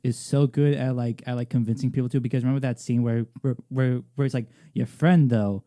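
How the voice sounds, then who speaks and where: A young man co-hosting a podcast in casual chat, excitable, stumbling and repeating words as he talks. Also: mid-range voice, fast, dry recording, clean studio sound. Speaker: podcast co-host.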